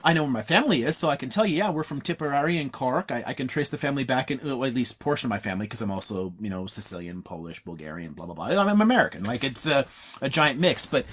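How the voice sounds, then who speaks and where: A man's voice: mid-range voice, fairly bright tone. A man hosting a live online chat, answering a guest at length in a rambling way, with many restarts and fillers. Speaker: host. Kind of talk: casual live-stream chat.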